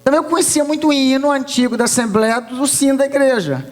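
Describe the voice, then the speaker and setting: A Brazilian woman with a high voice gives a lively testimony from the pulpit, telling her stories with animated, playful delivery. Soft music plays faintly behind her. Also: fast talker. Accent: Brazilian Portuguese. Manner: lively storytelling with laughs, acts out voices. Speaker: preacher giving a testimony. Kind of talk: sermon testimony. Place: church.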